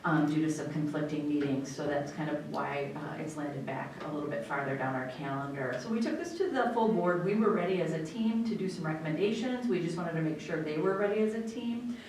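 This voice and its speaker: American woman explaining stuff at a meeting, low voice, super echoey and a bit far from the mic. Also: fairly quick, a little mellow. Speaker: school district superintendent. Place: indoor meeting room. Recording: echoey room, far mic, faint rumbling noise.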